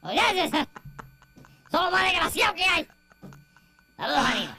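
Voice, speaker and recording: A woman's voice: very high-pitched, big pitch swings, measured pace, gravelly, full character voice. A woman with a Puerto Rican accent voicing a grumpy, gossiping rat who hates everyone, in a radio comedy sketch. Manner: cranky, complaining gossip. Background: music.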